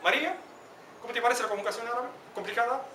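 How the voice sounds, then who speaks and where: A man teaching an Arabic lesson to a class, asking students questions by name and drilling pronunciation slowly. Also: very high-pitched, sharp tone, a little hiss or hum. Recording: echoey classroom from a distance.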